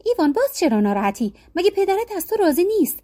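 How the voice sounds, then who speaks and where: A clever enchanted frog princess speaks softly and reassuringly, as a woman storyteller puts her on. The voice sits high and swings lively through each phrase, with a warm, mellow tone. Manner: soothing, gently comforting.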